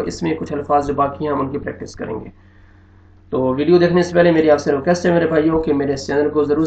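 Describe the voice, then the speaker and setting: A man with an Urdu accent teaches Quran reading, his voice slightly high and gravelly as he explains patiently and repeats each word slowly. The sound is dull and lo-fi, with echo from the room. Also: darkish tone. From Pakistan. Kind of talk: online recitation lesson.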